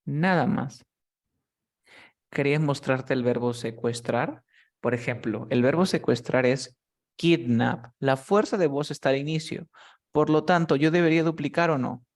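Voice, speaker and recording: A man's voice: a little high, moderate pace. A young man teaching English grammar one-on-one, explaining each rule patiently and stopping often to check that his student follows.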